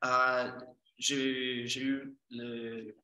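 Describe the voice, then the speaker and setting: A middle-aged man from Texas, a native English speaker, presents training courses in halting non-native French with an American accent, searching for words. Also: medium pitch, flat delivery, bright, forceful tone, muffled recording. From Texas, United States. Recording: roomy echo, distant from microphone.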